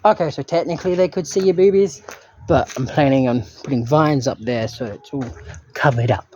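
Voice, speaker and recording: A homesteading vlogger talks through his day into a handheld phone camera, chatty and poking fun at himself. His voice is medium-pitched, a little fast and a little mellow. The recording is muffled, with a slight hiss or hum.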